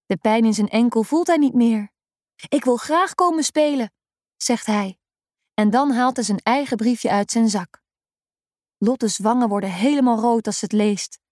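A woman reading a children's story aloud, gently and expressively. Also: fairly high pitch, normal speed, no echo, studio quality.

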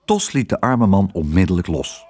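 Husky-voiced man reading a story. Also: sits low, normal speed. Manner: expressive reading. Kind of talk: audiobook narration.

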